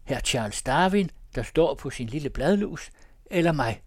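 An earnest man wrapped in a scarf shouts his faith at a jeering hall, voice pushed high and loud, as a man reading a story puts him on. The storybook reading is close and dry. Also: expressive, breathy edge. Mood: fervent. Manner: shouting, fervent.

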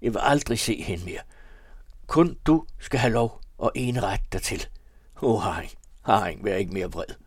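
A desperate young man pours out his remorse in a raised, pleading voice, as a male reader puts him on. The voice sits fairly low and sounds dry and close. It comes across as a novel read aloud. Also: husky, no echo.

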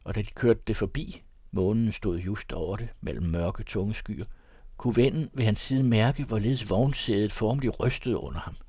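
A man narrating an audiobook in a measured storytelling manner. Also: on the low side, mellow, slightly rough, no room sound, studio quality.

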